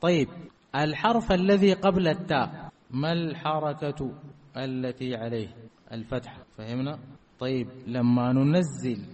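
A man giving a classroom grammar lesson. He keeps asking whether his students have understood, and he repeats key words slowly. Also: mid-range voice, darkish tone. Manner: checks understanding with repeated questions. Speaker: grammar teacher.

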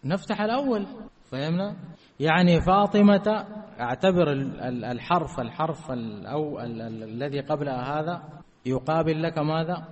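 A man giving a classroom grammar lesson. He keeps asking whether his students have understood, and he repeats key words slowly. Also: a little high, darkish tone, lo-fi sound. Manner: checks understanding with repeated questions. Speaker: grammar teacher.

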